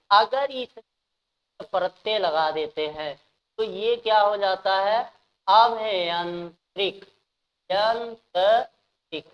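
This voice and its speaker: A woman teacher, leading an exam-prep spelling lesson in a playful, coaxing way and calling students "my dear". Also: mid-range voice. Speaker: Hindi teacher. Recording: slightly dull, lo-fi audio.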